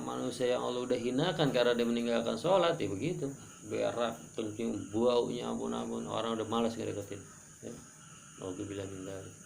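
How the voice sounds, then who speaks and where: Male preacher, gravelly, lively teasing delivery, some faint noise. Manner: animated, joking, pitch jumps for emphasis. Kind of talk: religious study sermon.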